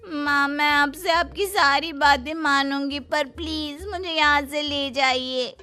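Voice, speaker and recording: A woman playing a spoiled young newlywed bride in a cartoon story, her voice high and bright as she complains and pleads petulantly. Faint music plays underneath. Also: fairly even intonation, slow pace, exaggerated voice. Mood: pleading angry.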